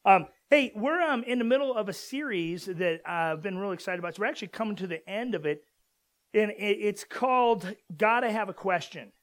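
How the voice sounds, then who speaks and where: A man's voice: high-pitched, brisk, a bit bright. A man in his forties from Southern California, a pastor giving a casual, conversational sermon and rambling with many fillers and restarts.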